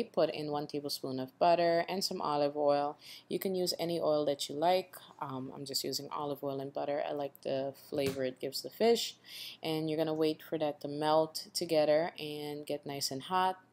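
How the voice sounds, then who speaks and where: Low-voiced woman teaching a cooking recipe. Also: a little mellow. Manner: instructive, repeats tips with a checking "okay?". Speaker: cooking channel host. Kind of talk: cooking tutorial voice-over.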